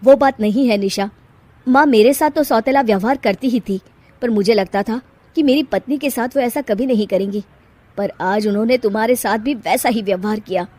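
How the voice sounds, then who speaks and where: A woman voicing a gentle young husband in a cartoon story, soft and placating. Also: a little high, normal speed, natural voice. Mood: hurt.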